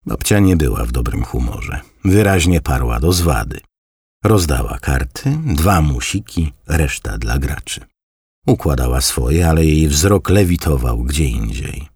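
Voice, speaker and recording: A man narrating an audiobook in a measured, even storytelling manner. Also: very deep voice, breathy edge, dry recording, studio quality. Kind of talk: scripted narration.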